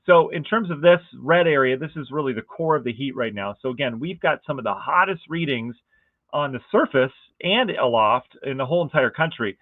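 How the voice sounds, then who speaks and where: A man's voice: mid-range voice, animated, brisk, no echo. Enthusiastic male weather forecaster, phone-thin sound. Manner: enthusiastic, conversational, asks viewers rhetorical questions. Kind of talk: casual weather forecast walkthrough. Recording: dry, phone-like narrow band.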